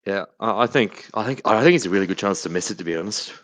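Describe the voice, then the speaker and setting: A man's voice: on the low side, lively intonation, fast talker, dry recording. A man co-hosting a casual sports podcast, informally reasoning out his opinions. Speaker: podcast co-host.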